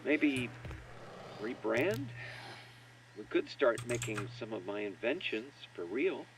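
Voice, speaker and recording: A man's voice: medium pitch, expressive, slow pace. An actor playing an anxious young man who has inherited a toy company, speaking in a shaky, self-doubting way, heard as game audio. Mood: hesitant. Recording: game audio, distant with faint noise.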